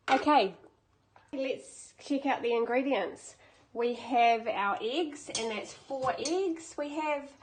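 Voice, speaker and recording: In her home kitchen, a woman hosting a baking channel walks through a recipe step by step, chatty and upbeat, as a casual cooking demonstration. Her voice is on the high side, and the audio quality is poor.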